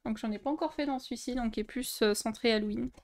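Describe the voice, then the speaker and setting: Chatty young Frenchwoman, slightly high voice. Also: fast, a little mellow. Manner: chatty, many fillers and restarts, light laughs. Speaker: coloring book youtuber. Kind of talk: casual show-and-tell vlog.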